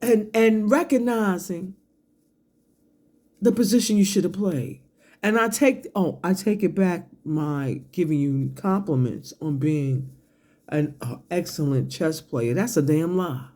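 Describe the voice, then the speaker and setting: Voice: medium pitch, a little slow, warm tone. A person delivering a confrontational, profane online rant, drawing words out emphatically one at a time. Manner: sipping a drink between phrases, coughing and clearing throat.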